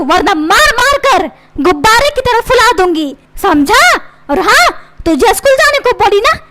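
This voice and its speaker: A woman's voice: extremely high pitch, a bit bright, slight background noise, exaggerated voice. A woman voicing a fickle cartoon mother who scolds her husband and dotes on her son, talking in a bossy, scolding way.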